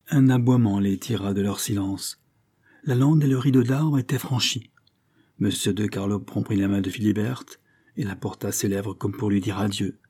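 A man reading a classic French novel aloud as an audiobook, in measured scripted narration. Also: on the low side, warm tone, slightly rough. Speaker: audiobook reader.

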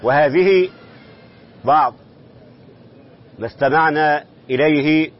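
A man teaching Quran recitation, explaining reading variants in a slow, measured scholarly way. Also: fairly high pitch, highs cut off.

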